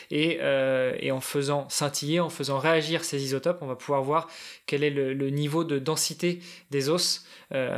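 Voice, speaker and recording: A man in a casual podcast conversation, explaining things as he thinks aloud. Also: mid-range voice. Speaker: guest, endurance athlete preparing a challenge. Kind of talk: casual podcast interview talk.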